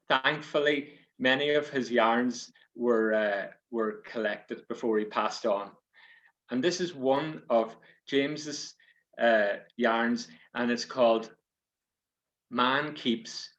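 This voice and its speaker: A man's voice: medium pitch, a bit bright, muffled recording. Male Irish storyteller, Donegal accent, folksy and hesitant, addressing listeners directly. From South Donegal, Ireland. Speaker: storyteller and author.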